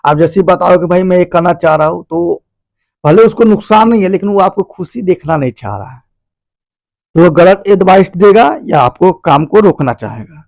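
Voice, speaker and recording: A man's voice: high-pitched, lively intonation, moderate pace, creaky, a little mellow, dry recording. A man hosting a video, casually explaining a self-help book to his viewers in a conversational, repetitive way. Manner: conversational and repetitive, addresses listeners as "bhai". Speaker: video host.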